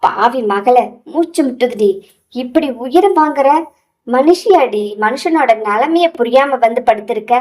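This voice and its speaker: A woman voicing a young male hero in a romance story, tender but gruff, scolding with endearments. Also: high-pitched, expressive, measured pace, a little mellow, far from the mic, rough recording.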